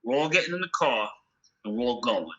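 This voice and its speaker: Guy telling a story fast, swears a lot, really bright voice. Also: medium pitch, expressive, slightly rough, muffled recording. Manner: quick, swearing, punchy. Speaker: guest musician, guitarist. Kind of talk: casual storytelling.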